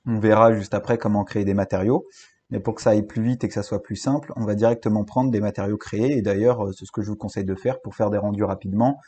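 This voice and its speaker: A man with a French accent giving a screen-recorded software tutorial, talking hesitantly with many fillers and restarts. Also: fairly low pitch, steady tone, fast, slightly rough.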